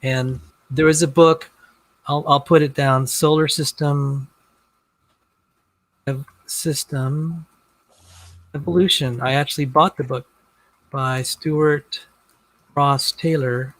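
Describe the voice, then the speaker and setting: A man's voice: a little high, steady tone, slow, long pauses, dry recording. A man in a casual video-call conversation about creation and science who often stops and repeats words as he restarts. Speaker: guest in a debate on creation and science.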